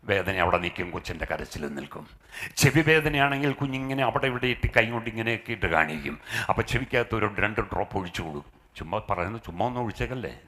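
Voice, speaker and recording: A man's voice: lowish voice, animated, quick pace, pushed and bright. A middle-aged man preaching a sermon as pastor. He punctuates his talk with frequent hallelujahs and rises into emphatic calls.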